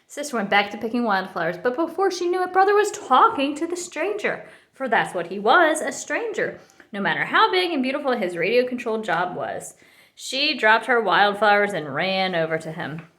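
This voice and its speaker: A lively woman with a high voice reads a storybook aloud to children, narrating expressively at a normal speed.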